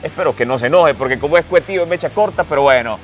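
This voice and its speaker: A man's voice: a little high, racing, soft background music. A man hosting a casual podcast, reading out fan questions in an upbeat, teasing way.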